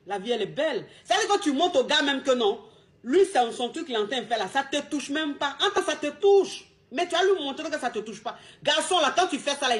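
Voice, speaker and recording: A woman's voice: sits high, fairly bright tone. A woman giving relationship advice as a coach, in a casual monologue with emphatic, repetitive street slang.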